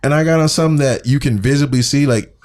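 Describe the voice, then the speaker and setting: A man's voice: medium pitch, fast, darkish tone. A man co-hosting a casual podcast chat, playful and slangy, often laughing as he tells stories. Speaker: podcast co-host.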